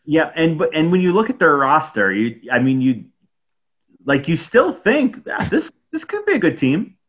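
A man's voice: fairly high pitch, very animated, moderate pace. A man co-hosting a sports podcast in casual chat, dropping dry, wry asides. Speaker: podcast co-host. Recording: tinny phone-like line.

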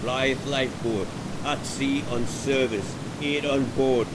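A man's voice: fairly even intonation, slow pace, lightly acted. A man playing a lifeboat crewman who reports by radio in clipped procedure. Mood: firm. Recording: loud hiss and rumble.

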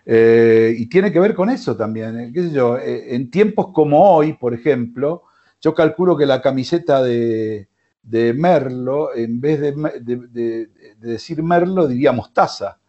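A man hosting a sports radio show from a studio speaks with an Argentine Spanish accent, rambling through casual talk with many fillers and restarts. He has a medium pitch, a dark tone and lively intonation, and he speaks a little slowly. The recording is muffled.

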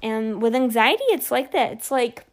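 A woman's voice: fairly high pitch, animated, moderate pace. Chatty young woman hosting a podcast. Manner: chatty, lots of fillers like "like" and "you know"; open and personal. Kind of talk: casual solo talk.

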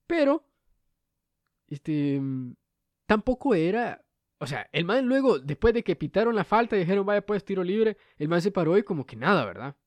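A man's voice: a little high, no echo. A young man, hosting a podcast in a rambling, joking monologue full of fillers. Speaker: podcast host. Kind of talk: casual comedic monologue.

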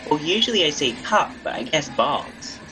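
Podcast host, comedic improvised interview, deadpan, teasing, mock-server patter, mid-range pitch. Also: moderate pace, background noise.

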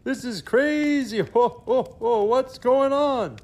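A man's voice: sits high, lively intonation, unhurried, slight background noise. A man playing a bewildered old Santa Claus in a comedy sketch, exclaiming in confusion. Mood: baffled.

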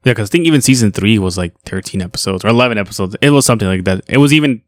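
A man's voice: lowish voice, lively intonation, rapid-fire. A man co-hosting a podcast in a casual, rambling chat, swearing freely. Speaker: podcast co-host.

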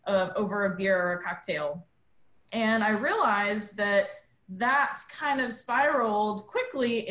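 A woman's voice: a little high, fairly bright tone. Woman in a roomy echo telling her story. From New Mexico. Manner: earnest, storytelling, thoughtful pauses. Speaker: bar owner and guest. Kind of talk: interview conversation.

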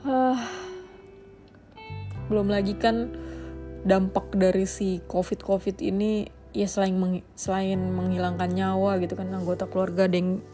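A woman's voice: mid-range voice, level tone, unhurried, long pauses, mellow, faint music behind. A young woman, talking in a chatty, slangy, exasperated casual monologue.

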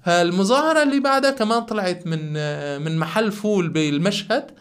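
A man with a Syrian Arabic accent telling a personal story in conversation, halting and repeating the starts of his words. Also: high voice, lively intonation. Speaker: podcast guest.

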